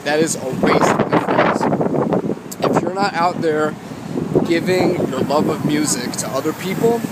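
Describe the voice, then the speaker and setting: A man, giving casual advice in a halting, emphatic way as he vlogs outdoors. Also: fairly high pitch. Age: 20s. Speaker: guitar vlogger. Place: outdoors walking along a city street. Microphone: phone at arm's length, wired earbuds in. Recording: loud wind and street noise on phone mic. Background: wind, traffic, urban ambience.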